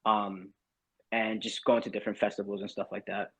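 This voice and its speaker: A young Barbadian man, a guest on a podcast, chats in a relaxed, loose, rambling way, full of fillers and restarts. His voice sits on the low side, brisk with a breathy edge.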